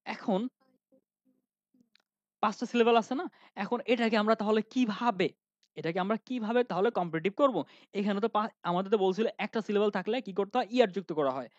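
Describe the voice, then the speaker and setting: A man's voice: high-pitched, moderate pace, pauses often, dry recording, lo-fi sound. A man teaching an online grammar lesson, often asking questions and answering them himself, with many fillers.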